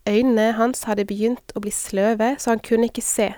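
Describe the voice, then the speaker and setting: A woman reading scripture aloud at a measured pace. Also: fairly high pitch, flat delivery, warm tone, no room sound, clean studio sound. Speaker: scripture reader. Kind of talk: Bible reading.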